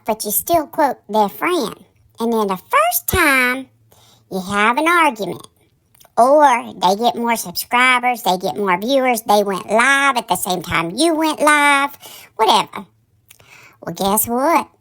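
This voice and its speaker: A woman with a slightly high, fairly bright voice hosts online drama commentary, dishing casual gossip. Her style is sassy, campy and theatrical like a drag queen, folksy and colloquial, and she calls her listeners darlings.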